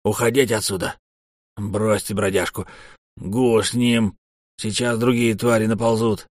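A man voicing a frightened, angry male warrior in a storybook, barking and shouting. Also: fairly low pitch, steady tone, measured pace, dry recording, clean studio sound, lightly acted. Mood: frightened fury.

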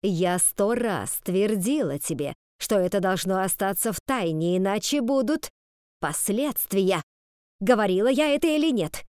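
A woman reading the part of a cruel, scheming schoolmistress who speaks slowly through clenched teeth. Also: mid-range voice, darkish tone, smooth, dry recording, clean studio sound, lightly acted. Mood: menacing.

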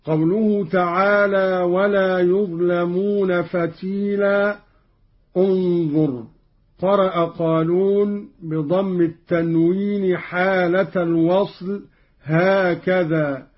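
A man giving a measured radio lesson on Quran readings, explaining each reading and chanting the quoted verses, on a dull lo-fi old radio recording. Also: high-pitched.

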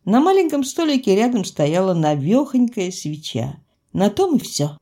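A woman narrating a first-person audiobook in a wry, expressive storytelling manner. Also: medium pitch, moderate pace.

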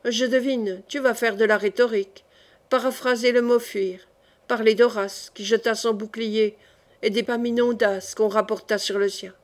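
A woman reads a brash swaggering nobleman of old, blustering and cursing as he urges his friend to flee. The voice sits fairly high for the part, in a storybook reading. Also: steady tone, moderate pace, lightly acted. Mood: urgent. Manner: blustering, swearing oaths. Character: brash swaggering male swordsman Coconas.

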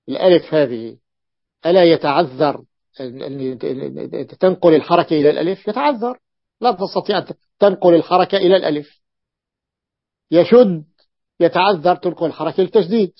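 A male religious teacher talks through a lesson with a somewhat high, dry voice. He reads quoted lines slowly, repeats key points and checks often that his students are following. The recording sounds dull and lo-fi. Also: no room sound. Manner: repeats points and checks understanding with quick questions; reads quoted text slowly, then explains it. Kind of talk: explanatory classroom lecture.

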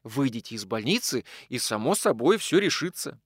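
Narrator doing earnest young guy, calm but animated melody, dry close mic. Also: mid-range voice, normal speed, slightly rough, no room sound. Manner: calm, earnest, sometimes sharp. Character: earnest young man, calm then impulsive. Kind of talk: audiobook character reading.

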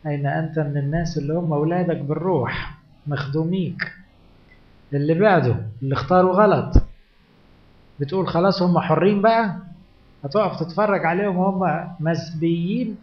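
A somewhat high-pitched man with an Egyptian Arabic accent preaches a sermon, firing rhetorical questions at his audience and acting out scripture stories. His voice rings through a roomy conference hall. The conference tape sounds dull and lo-fi. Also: brisk, pauses often. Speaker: priest.

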